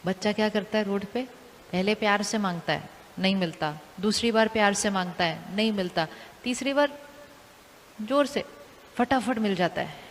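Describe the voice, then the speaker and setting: Casting: woman, calm spiritual teacher, asks the audience questions again and again, long hall reverb, faint hiss. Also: mid-range voice, normal speed.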